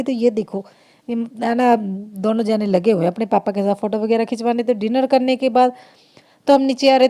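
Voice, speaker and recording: A woman talks over her home video in a relaxed, chatty way, often breaking into laughter. Her voice sits a little high and sounds warm and mellow. She restarts her sentences freely, like she is talking to a friend. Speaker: vlogger and mother.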